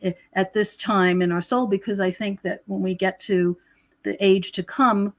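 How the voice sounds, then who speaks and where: A middle-aged or older woman, an author and researcher, is a podcast guest explaining spiritual teachings. Her medium-pitched voice has a flat delivery at normal speed, and she speaks earnestly and conversationally, quoting scripture as she explains.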